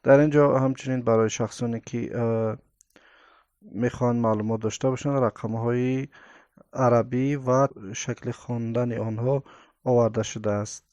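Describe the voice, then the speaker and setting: A man's voice: mid-range voice, fairly even intonation, a little mellow, dry recording, highs cut off. Man teaching letter sounds. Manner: slow and deliberate, repeats each sound aloud with many hesitant "uh" fillers. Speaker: Quran and Arabic alphabet teacher. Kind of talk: step-by-step pronunciation lesson.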